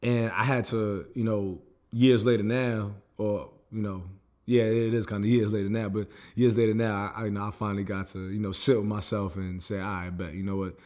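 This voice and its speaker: This young American's voice is fairly low and level, a little fast and a little mellow. Recounting his setbacks in a vlog, he keeps it loose, leaning often on "like" and "you know what I mean."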